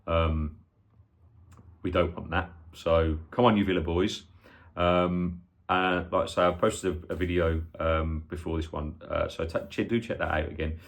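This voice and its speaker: A man in his forties with a Birmingham accent, chatting casually and a little hesitantly to viewers as a football fan vlogger. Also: extremely low pitch. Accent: Birmingham (Brummie). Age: 40s. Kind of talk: casual chat to viewers, match preview.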